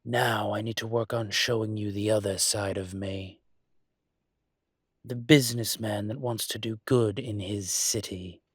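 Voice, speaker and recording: In an intimate roleplay audio, a man plays a dragon shifter mafia boss who is teasing and smug but protective, speaking in a measured, deliberate way with dramatic pauses. His fairly low voice holds a steady tone with a breathy edge and an earnest mood, captured in studio quality with no room sound.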